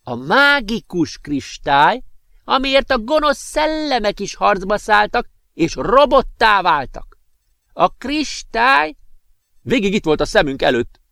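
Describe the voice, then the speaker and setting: A man doing a high croaky tipsy old professor. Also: big pitch swings, sharp tone, dry recording, studio quality, exaggerated voice. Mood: tipsy, jolly. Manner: slow, drawn-out, giggly.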